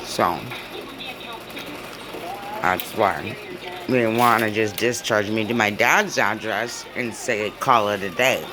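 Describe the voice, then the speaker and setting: Filmed on a phone inside a room that has a view out the window, this video diary has a vlogger rambling casually, laughing often and using many fillers. The medium-pitched voice moves slowly with long pauses over noisy room ambience.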